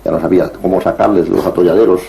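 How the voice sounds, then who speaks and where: A man in his sixties from Barcelona, speaking as an interview guest in a measured, digressive way with frequent hesitations. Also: deep voice, steady tone, gravelly, warm tone, rough recording. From Barcelona, Spain. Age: 60s. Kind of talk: reflective interview conversation.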